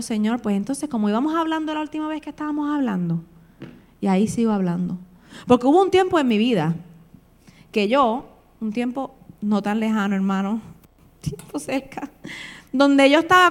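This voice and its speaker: Woman preaching a sermon, high voice, animated, moves between hushed and loud.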